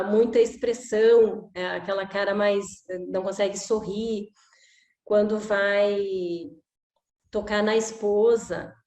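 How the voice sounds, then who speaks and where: A woman's voice: fairly high pitch, mellow. Woman, echoey room. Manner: conversational, with frequent "né?" tags and acted examples. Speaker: emotional education coach. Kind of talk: informal talk to camera.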